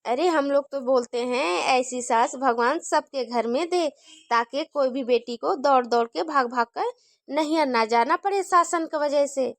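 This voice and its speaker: A chatty, earnest young daughter-in-law voiced by a woman in a cartoon story. Her voice is high. It is recorded dry and close. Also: unhurried, dry recording.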